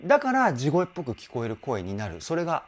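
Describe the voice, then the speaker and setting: A man's voice: mid-range voice, wildly swooping pitch, quick pace. A young man, a vocal coach, chatting enthusiastically while reacting to and analysing a song, laughing often.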